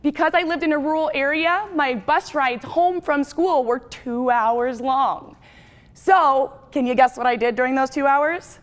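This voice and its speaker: A young woman from Wyoming giving a personal testimony speech, talking fast and chatty. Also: high voice. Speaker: speaker.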